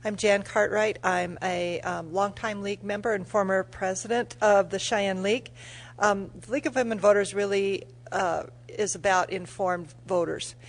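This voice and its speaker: Gravelly woman opening a forum. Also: medium pitch, steady tone, normal speed. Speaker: League member introducing the forum. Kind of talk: opening remarks.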